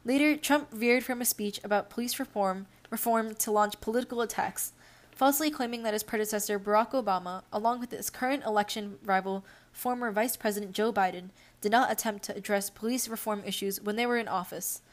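A young woman in the host's chair, reading news articles aloud at an even, mid-range pitch. She moves between steady read-aloud passages and loose, unscripted asides full of little fillers. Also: fairly quick. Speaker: podcast host.

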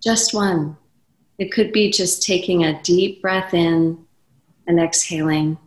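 A woman leads a guided meditation in a calm, meditative tone. Her voice sits a little low and she gives soothing, measured instructions. The recording has a roomy, echoey sound. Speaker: podcaster and teacher guiding a breathing meditation as guest.

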